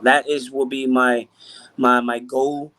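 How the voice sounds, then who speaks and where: A Puerto Rican hotel chief engineer joins a casual interview over a video call as a guest. His mid-range voice is bright and forceful yet flat in delivery, and he takes his time. He often repeats phrases and restarts his sentences.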